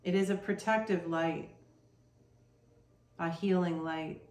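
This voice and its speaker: A woman leading a guided meditation with soft, soothing instructions. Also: lowish voice, steady tone, slow pace, reverberant.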